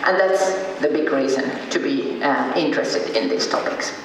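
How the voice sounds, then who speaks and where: A man from Finland speaks at a conference, halting and filling pauses as he goes. His voice carries from a distance across a big hall. The room has a long, heavy echo. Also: mid-range voice, gravelly, noisy background. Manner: hesitant, many ums and uhs. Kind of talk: conference presentation. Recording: echoey hall, from far off.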